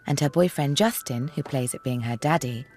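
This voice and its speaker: A British woman giving calm, measured, scripted narration for a documentary. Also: a bass voice, slight background noise. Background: music.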